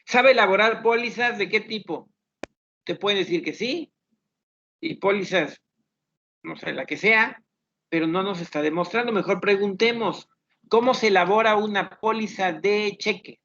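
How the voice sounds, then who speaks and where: A man teaches an online class, working through student questions one by one. His voice sits high and carries a gravelly edge. He thinks aloud in a measured, explanatory way, and the audio sounds dull and lo-fi. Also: bright, forceful tone.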